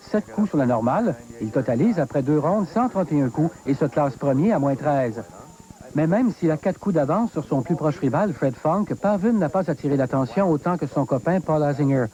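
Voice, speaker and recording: A man's voice: on the high side, expressive, a little fast, warm tone, poor audio. A man with a Quebec French accent reading scripted golf commentary as a sports reporter.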